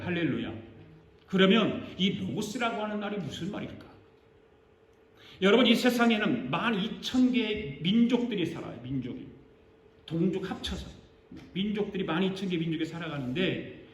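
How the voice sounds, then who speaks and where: An older man preaching a sermon as pastor, animated and joking as he acts out how a congregation answers. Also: sits high. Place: church sanctuary. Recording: echoey church sanctuary.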